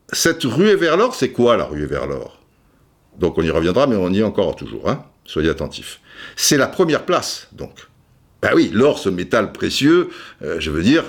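A man hosting a podcast, telling a self-mocking story and acting out voices and sounds. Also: mid-range voice. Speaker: podcast host. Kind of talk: casual storytelling monologue.

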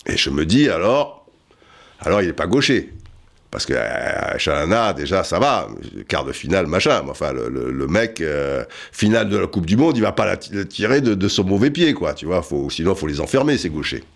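A man with a lowish voice spins a comic story, his pitch leaping all over the place. He rambles, mocks himself and keeps breaking off into asides. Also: very animated, normal speed, creaky. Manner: rambling, self-mocking, full of asides and restarts.

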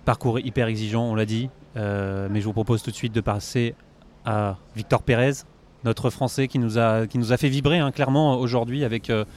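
A male podcast host talks golf in a conversational way. His phrasing is halting, with words often repeated as he builds a sentence. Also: mid-range voice, steady tone, a little mellow, slight background noise. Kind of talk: conversational golf tournament discussion.

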